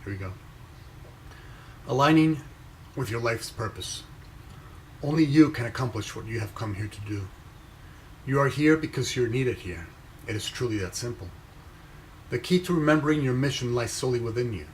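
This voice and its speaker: A Venezuelan-raised inspirational speaker reads his own post aloud and reflects on it, slow and measured, splitting sentences into short phrases with pauses. He's also animated, at a middle pitch, with a faint hiss of background noise.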